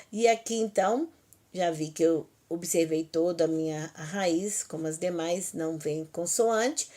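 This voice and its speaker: A woman teaching a language lesson at an unhurried, deliberate pace. Her voice sits a bit low for a woman. She patiently breaks words into syllables, repeats them, and speaks straight to her students. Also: dark tone. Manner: patient, repeats each word slowly syllable by syllable; self-correcting, talks to students directly. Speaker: Hebrew teacher.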